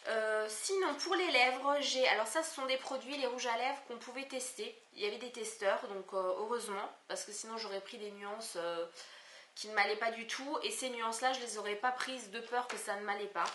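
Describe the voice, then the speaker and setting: A woman's voice: fairly high pitch, moderate pace, a bit bright, slight background noise. Chatty hesitant French woman vlogger. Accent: Southern French. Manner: hesitant, many fillers and restarts. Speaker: beauty vlogger. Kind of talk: casual haul video chat. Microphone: camcorder microphone. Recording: echoey room on camcorder mic.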